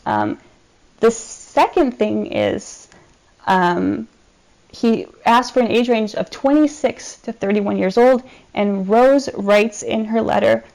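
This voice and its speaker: A woman giving a recorded presentation over slides, measured and explanatory, with frequent ums. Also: fairly high pitch, sing-song, creaky, darkish tone, low-quality recording. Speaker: archivist presenting a collection.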